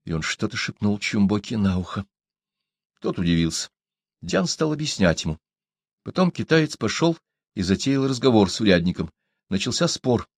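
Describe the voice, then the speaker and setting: A man narrating an adventure story in an audiobook, in a measured storytelling manner. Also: on the low side, sing-song, creaky, slightly rough, dry recording.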